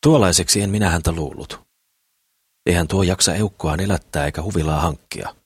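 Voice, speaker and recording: A man's voice: deep voice, breathy edge, dry recording, clean studio sound. A man reading the lines of a talkative, greedy woman of noble birth in an audiobook, bossy and chattering. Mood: chatty.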